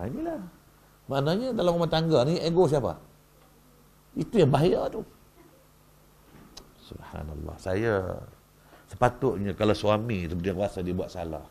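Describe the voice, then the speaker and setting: A man giving a humorous religious workshop talk in a mosque, lively and peppering the audience with rhetorical questions. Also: on the low side, normal speed, gravelly, long pauses, husky. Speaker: religious lecturer. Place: mosque hall.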